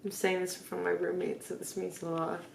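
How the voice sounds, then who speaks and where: Drunk young woman, gravelly, in a roomy echo. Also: fairly low pitch, completely flat delivery, moderate pace, background noise. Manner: rambling storytelling with a put-on British twang and "mate". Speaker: girlfriend leaving a birthday message. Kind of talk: rambling spoken birthday message.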